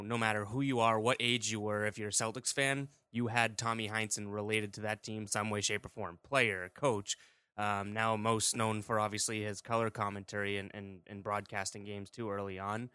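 A man's voice: on the low side, level tone, moderate pace, bright, forceful tone, clean tone, no echo, clean studio sound. A man talking casually as a guest on a sports podcast, often dropping in "like" as he goes. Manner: peppers speech with "like".

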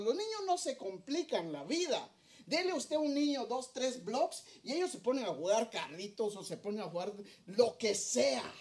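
A man's voice: very high voice, darkish tone. A middle-aged male pastor preaching a sermon, earnest and storytelling as he addresses his congregation.

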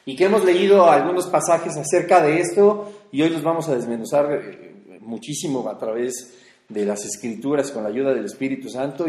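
A man's voice: medium pitch, a little mellow. A man preaching a teaching sermon in a conversational way, with fillers and emphatic rises. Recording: echoey room.

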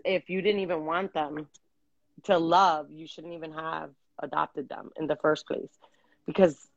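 A woman's voice: on the low side, no room sound, lo-fi sound. Earnest woman rambling over a video call. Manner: earnest, rambling with many fillers and restarts. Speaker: podcast co-host.

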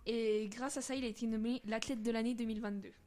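A woman's voice: fairly high pitch, fairly even intonation, quick pace, a little mellow. A woman presenting the answers in a casual group guessing game, hesitant, with many fillers. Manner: hesitant, short yes-no answers. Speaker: presenter of the quiz. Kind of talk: casual classroom quiz chat.

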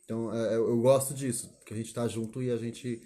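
A man's voice: medium pitch, flat delivery, fast talker, a crowd in the background. A man with a Brazilian Portuguese accent co-hosting a casual chat, chatty and joking. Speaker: podcast co-host. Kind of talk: casual chat among couples.

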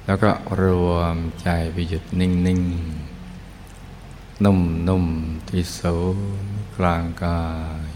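Very slow, low-pitched man guiding meditation. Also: little pitch movement, a little hiss or hum. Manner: gentle, soothing, hushed delivery with long pauses and drawn-out repeated words. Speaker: Buddhist meditation teacher leading guided meditation. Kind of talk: guided meditation instruction.

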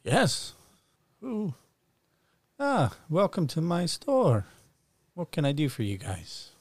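A man voicing an old bearded antique shop owner who talks slowly and mysteriously. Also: fairly high pitch, huge pitch swings, darkish tone, no room sound, voice pushed up, exaggerated voice.

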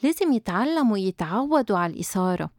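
Lebanese lady therapist chatting advice, talks fast, explains stuff, bits of english, dry sound. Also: mid-range voice, big pitch swings, darkish tone, no echo. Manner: explanatory, mixing in some English and French loanwords. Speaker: sex therapist co-hosting an advice show. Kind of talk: casual advice conversation.

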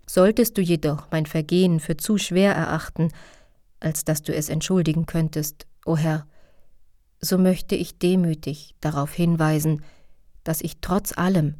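A woman's voice: fairly low pitch, warm tone, dry recording, studio quality, close to an everyday voice. A woman voicing a humble, repentant male king of the heavens, reading his devout prayer in an audiobook.

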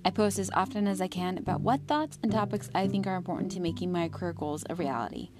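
A woman's voice: on the low side, fast. An American woman hosting a personal audio diary podcast, talking casually and candidly in an informal, chatty monologue with frequent asides.

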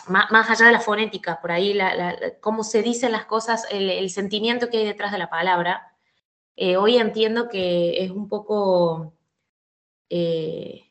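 A young woman with an Argentine Spanish accent talks through her story as a guest singer. Her voice sits in a middle register, and she tells it in an animated, rambling way, full of fillers and restarts. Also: medium pitch. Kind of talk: casual interview chat.

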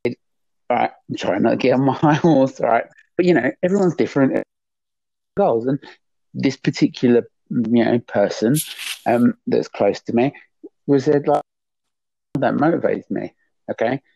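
A man's voice: mid-range voice, moderate pace, gravelly, pauses often, dark tone, no room sound. A man co-hosting a podcast, ranting in a rambling, exasperated way with some swearing. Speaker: podcast co-host. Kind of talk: casual podcast chat, ranting. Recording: dull lo-fi dry recording.

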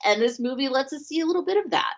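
A woman's voice: high voice, lively intonation, quick pace, dull audio. A woman chatting casually about a film she loves, full of "like" and "you know". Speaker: podcast co-host.

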